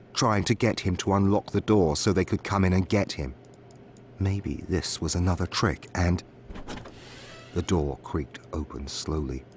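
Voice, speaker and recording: A man who streams spooky stories, reading a horror story aloud in a steady, measured way. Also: deep voice, slight background noise. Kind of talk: scripted horror story narration. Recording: music playing behind the voice.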